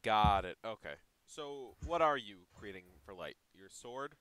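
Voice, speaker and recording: A man's voice: on the low side, lively intonation, measured pace, a bit bright, clean tone, poor audio. A young man running a tabletop game as game master, talking in a loose, slangy way with lots of fillers.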